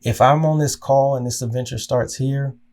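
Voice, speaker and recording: A man hosts a podcast, telling his own story with earnest, emotional reflection. He often stops and restarts his sentences, repeating words as he searches for them. His voice sits at a middle pitch. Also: fairly even intonation, normal speed, darkish tone. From Oklahoma. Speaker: podcast host.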